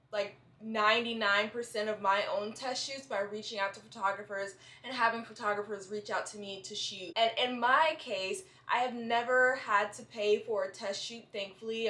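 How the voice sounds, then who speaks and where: A woman's voice: a little high, a bit bright. A young woman talking casually to camera as an explanatory vlogger, with a slight lisp from wearing retainers. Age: young adult. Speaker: vlogger, model giving advice. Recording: roomy indoor echo.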